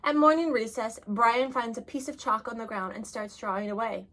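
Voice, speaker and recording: Expressive woman reading a picture book. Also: fairly high pitch, moderate pace. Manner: expressive, dropping soft for sad moments. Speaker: reader. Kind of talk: picture-book read-aloud.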